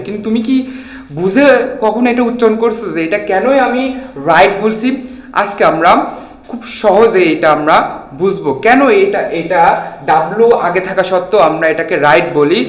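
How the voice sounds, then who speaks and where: A man's voice: high-pitched, echoey room, rough recording. A young man teaching an English lesson at a board. He keeps quizzing his students with repeated questions. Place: classroom with a board.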